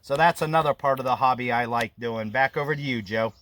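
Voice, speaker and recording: An American man in his fifties is chatting on amateur radio from a mountain trail outdoors. His medium-pitched voice is brisk and fairly bright, and his manner is friendly, folksy and talkative. There is slight background noise in this casual ham radio conversation.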